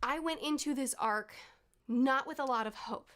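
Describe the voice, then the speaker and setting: Analytical woman reviewing in a measured way. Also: high-pitched, a bit bright. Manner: measured and analytical, explains step by step. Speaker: video reviewer. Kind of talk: spoken review commentary.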